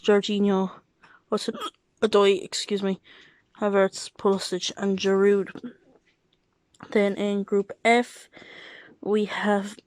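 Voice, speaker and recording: A woman's voice: medium pitch, no room sound, rough recording. A woman with the hiccups, casually running through football results and lineups and often excusing herself. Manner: reads out lineups, keeps apologizing. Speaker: football vlogger. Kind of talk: casual live football reaction.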